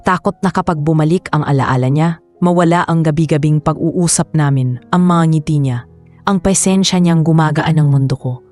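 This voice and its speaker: Woman narrator, low voice, calm reflective scripted storytelling.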